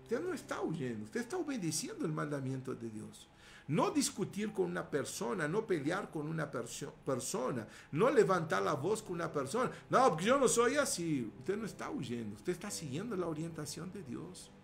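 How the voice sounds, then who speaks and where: A man preaching a sermon with emphasis, swinging between hushed asides and loud declarations and calling the congregation to repeat after him. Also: fairly high pitch, very animated, moderate pace, vocal fry, soft background music. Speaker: pastor.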